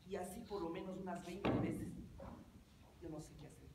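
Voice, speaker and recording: A woman playing a nervous, hypochondriac 35-year-old bachelor in a stage comedy, fretful and halting, repeating words. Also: on the low side, gravelly. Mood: anxious. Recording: echoey room with loud noise.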